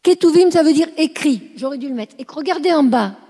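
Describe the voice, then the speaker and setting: A woman's voice: high voice, expressive, a little fast, warm tone, long reverb tail. A woman teaching a class, explaining at length and often checking whether her listeners follow. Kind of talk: classroom lecture.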